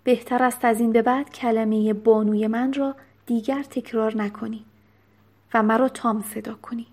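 A woman's voice: fairly high pitch, level tone, a little mellow. A woman reading as a bold young noblewoman. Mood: commanding. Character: bold young noblewoman dressed as a sailor boy.

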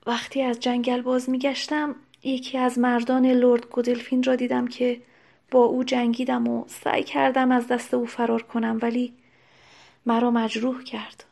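A woman's voice: a little high, flat delivery, creaky, a little mellow. A woman reading a weak wounded young manservant. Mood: weak, faint. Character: wounded loyal young male servant, weak.

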